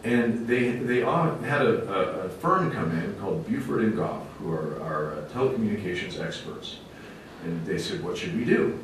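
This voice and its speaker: Speaking at normal speed with an animated delivery, a man acting as a fire officer gives a public presentation to a committee, emphatic, plainspoken and folksy. It's captured on a distant mic in a large, very echoey indoor meeting room, with faint rumbling underneath.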